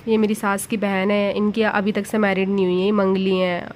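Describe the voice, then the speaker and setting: A woman's voice: medium pitch, little pitch movement, moderate pace, darkish tone, slight background noise. A woman in her thirties, a vlogger, chatting casually and with amusement as she walks through her wedding photos.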